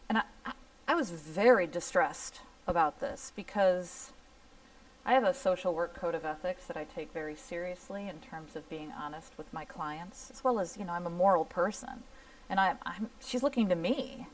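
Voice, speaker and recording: A woman's voice: on the low side, distant mic, poor audio. A middle-aged woman giving an earnest personal testimony talk, acting out the dialogue as she tells the story. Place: lecture room.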